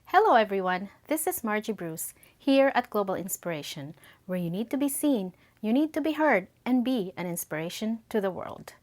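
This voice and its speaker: A woman's voice: mid-range voice, expressive, moderate pace, darkish tone. A woman hosting an interview show, introducing her guest in a formal, announcing way. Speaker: show host.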